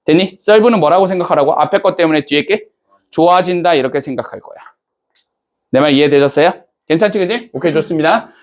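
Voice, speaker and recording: A man with a fairly high voice lectures a class in a relaxed, chatty way. He keeps firing questions at the students and checking that they follow. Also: fast talker. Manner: casual banter-style speech to students. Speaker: English teacher.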